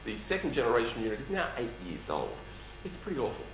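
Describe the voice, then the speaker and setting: A man with a slight lisp fields audience questions at a live talk. He is emphatic and dryly humorous, in a medium-pitched voice. The room echoes around him and there is faint noise behind. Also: wildly swooping pitch, fast talker. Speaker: company executive presenting and taking audience questions. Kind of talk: public talk with question-and-answer session. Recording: roomy echo, faint background noise.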